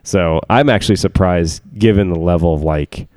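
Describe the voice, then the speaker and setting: A man with a very low, deep voice talks through a casual tech podcast. He rambles, leans on fillers and laughs often. The sound is close and dry. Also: moderate pace, a little mellow, dry recording. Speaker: podcast co-host, tech worker. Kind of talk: casual chat.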